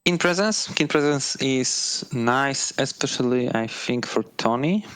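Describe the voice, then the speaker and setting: A man from Poland, a guest on a gaming chat, speaking English with many hesitant pauses and fillers. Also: mid-range voice, expressive, a bit bright, clear, resonant tone, poor audio. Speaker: guest player. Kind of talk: casual gaming discussion.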